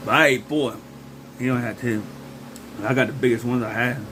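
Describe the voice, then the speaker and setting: A man's voice: mid-range voice, steady tone, brisk, noisy background. Man with mouth burning from hot peppers. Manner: mouth burning from spicy food. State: hiccuping, sweating, runny nose from chili heat. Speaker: challenge host on own channel. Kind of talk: casual food challenge vlog.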